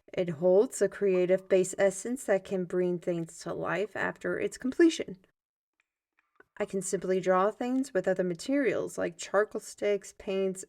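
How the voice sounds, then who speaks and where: A woman performs a lively, theatrical artist mage who carries a magic paintbrush and mentors through storytelling, in a fantasy audio roleplay with an ASMR feel. Her natural, mid-range voice uses formal, old-world phrasing, and she delivers it expressively, sighing and murmuring small asides to herself.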